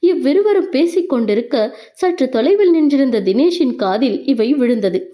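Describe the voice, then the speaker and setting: A woman narrating a romance novel as an audio book, with expressive storytelling. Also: high-pitched, moderate pace.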